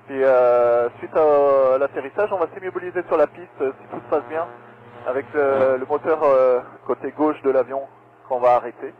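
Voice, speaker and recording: A man, an airline pilot speaking from the cockpit over his radio headset in a calm, procedural way. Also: mid-range voice, moderate pace. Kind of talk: aviation radio exchange. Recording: tinny radio transmission with faint static.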